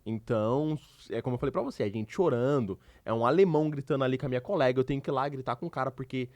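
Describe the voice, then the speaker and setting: A man with a Brazilian Portuguese accent, a podcast guest telling his work stories in an emphatic, animated way. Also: medium pitch, racing, no room sound. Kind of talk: casual interview storytelling.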